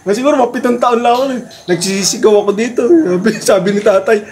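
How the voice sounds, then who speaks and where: A man's voice: sits high, fast talker, darkish tone, echoey room. A man telling childhood stories in casual family chat, laughing often as he talks. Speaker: storyteller. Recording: noisy room background.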